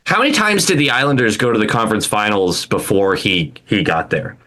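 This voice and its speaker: Guy cohosting a podcast, bright voice, bouncy pitch, laughs a lot. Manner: animated, laughs often, talks in quick restarts. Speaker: podcast co-host. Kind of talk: casual chat.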